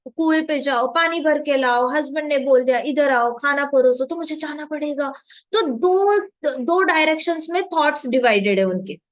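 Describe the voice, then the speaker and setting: A woman's voice: sits high, no room sound, clean studio sound. A woman giving a religious discourse as a devotional speaker, explaining patiently and repeating phrases for emphasis.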